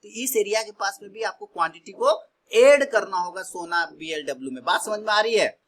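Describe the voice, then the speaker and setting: A man's voice: sits high, fairly quick, fairly bright tone. A man from India teaching stock trading in a casual way, asking himself questions and answering them, often repeating his words.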